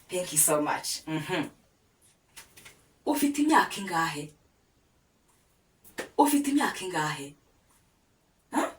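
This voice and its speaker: Speaking with a Rwandan accent and a lowish but fairly bright voice, this woman runs a language lesson, patiently urging her listeners to repeat with frequent "yes?" and "aha" cues. Her voice echoes in the room and sounds somewhat distant from the microphone.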